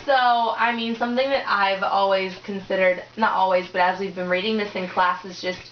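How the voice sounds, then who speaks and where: A woman's voice: medium pitch, steady tone, fairly quick, a little hiss or hum. Chatty young woman leading a lesson. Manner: chatty, encouraging, many likes and ums. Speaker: tutor leading a discussion. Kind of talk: casual teaching conversation. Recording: roomy dull lo-fi recording.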